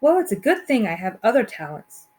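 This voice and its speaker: A good-humored uncle behind a diner grill, teasing and grinning through every line, as a woman reads him aloud. The voice rises higher than a grown man's would, light and playful. It is a gentle storybook reading, not a full character performance. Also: sing-song, brisk. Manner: friendly, teasing. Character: cheerful joking male uncle running a diner.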